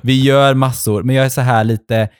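A man's voice: medium pitch, fairly even intonation, clear, resonant tone, no room sound, clean studio sound. A man co-hosting a casual podcast chat, telling anecdotes and acting out quoted lines. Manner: storytelling, acts out quotes. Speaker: podcast co-host.

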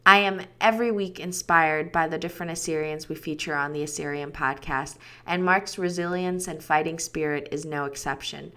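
A woman hosts a podcast, reading her scripted introduction with clear enthusiasm. Her voice sits a touch low. It has a bright, forceful edge. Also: steady tone, moderate pace, hardly any pauses. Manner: upbeat, enthusiastic delivery. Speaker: podcast host.

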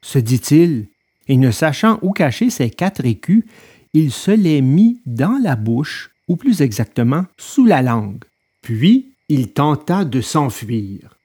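A man narrating a storybook in an expressive, dramatic way. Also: mid-range voice, slow pace, husky.

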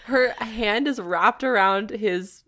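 A woman's voice: medium pitch, slow pace, a bit bright, slight background noise. A woman co-host in casual chat, reacting to a novel in a jokey, mocking way.

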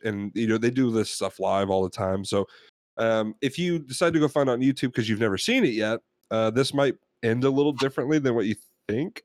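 A man's voice: mid-range voice, no echo, clean studio sound. A man with an American accent hosting a casual podcast over voice chat, rambling with many fillers. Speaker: podcast host. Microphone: home mic on voice chat.

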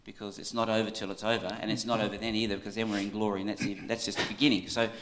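An Australian man giving an informal church tribute in a halting, conversational way, often checking in with his listeners. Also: lowish voice, level tone, fairly bright tone, low-quality recording.

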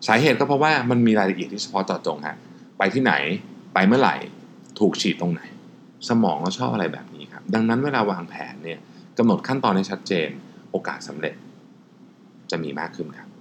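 Male podcast host, deep and animated, polite and conversational, faint background hiss. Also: brisk. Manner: chatty, polite particles, repeats key points. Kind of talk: casual explainer talk.

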